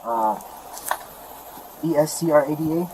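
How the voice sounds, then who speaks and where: A man's voice: on the high side, little pitch movement, a little slow. A man in his thirties sitting in a car outdoors, talking loosely with lots of fillers and repeated phrases, picked up on an officer's body camera. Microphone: officer's body-worn camera. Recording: bodycam audio, loud background noise.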